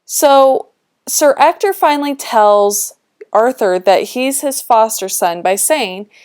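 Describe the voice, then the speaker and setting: Woman with a smooth, clear voice. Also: a little high, animated, slow, a little mellow. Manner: chatty, reads old quotes aloud with playful voices. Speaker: teacher. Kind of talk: explaining a text while scrolling a document.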